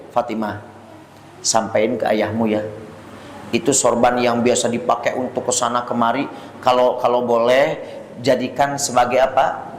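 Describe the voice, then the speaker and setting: A man with a Sundanese accent preaching a sermon, telling stories, acting out quoted figures in a lower voice and asking the audience questions. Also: slight background noise. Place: mosque hall. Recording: echoey mosque hall with long reverb.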